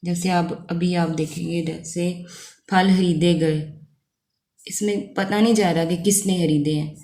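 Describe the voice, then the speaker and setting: Woman teacher, Pakistani accent, lowish voice, patient step-by-step explaining, roomy echo. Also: steady tone, unhurried, mellow. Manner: patient, step by step, checks in with "okay" often. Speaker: Urdu teacher. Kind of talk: classroom lesson explanation.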